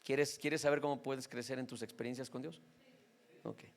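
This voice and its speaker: A man's voice: mid-range voice, steady tone, normal speed. A male pastor with a Mexican Spanish accent, preaching a sermon in a conversational way and often checking in with his listeners.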